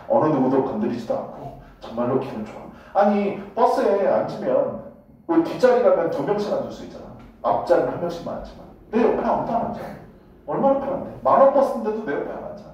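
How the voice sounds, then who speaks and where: A man's voice: a little high, sing-song, fast, darkish tone, dull audio, a little hiss or hum. Joking, foul-mouthed male teacher in an echoey room. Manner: blunt, joking, swears casually, keeps asking students "got it?". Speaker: high school English teacher. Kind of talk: casual classroom lecture. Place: classroom. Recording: echoey classroom from a distance.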